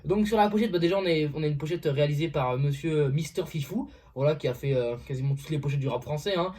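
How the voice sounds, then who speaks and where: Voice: mid-range voice, fast, mellow. A music reviewer in a casual vlog, talking hesitantly with many fillers and restarts and often saying "voilà".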